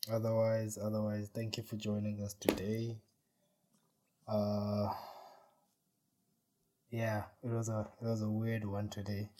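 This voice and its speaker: A man's voice: on the low side, monotone, measured pace, long pauses, warm tone, slight background noise. A South African man co-hosting a podcast, talking casually in a laid-back way. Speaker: podcast co-host.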